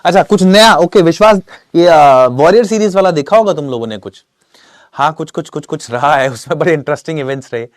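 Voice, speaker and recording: Male online teacher, slightly high voice, throat a bit rough from a cold, chatty, dry close sound. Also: a little fast, no room sound. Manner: chatty, reads out viewer names and comments. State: sore throat with cough and cold. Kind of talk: live online class, Hindi-English mix.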